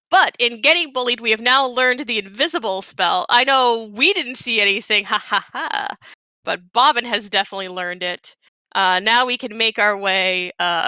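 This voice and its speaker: A woman's voice: fairly high pitch, sharp tone, clean tone, no room sound. A woman giving casual, chatty live commentary on her own game run, with playful asides.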